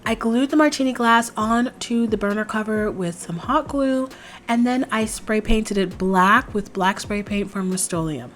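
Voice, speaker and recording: With faint music behind her, a young woman running a DIY craft channel walks through a project step by step, chatty and relaxed, explaining things plainly. She speaks at a measured pace in a high-leaning voice, a bit hoarse from a cold she's recovering from.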